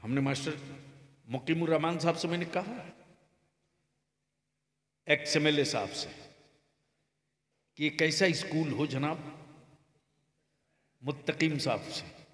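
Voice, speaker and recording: A man preaching in Hindi-Urdu at a public religious gathering, moving from calm storytelling to loud shouted climaxes. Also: fairly high pitch, takes it slowly, long pauses. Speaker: Islamic preacher. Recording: echoey hall with long reverb.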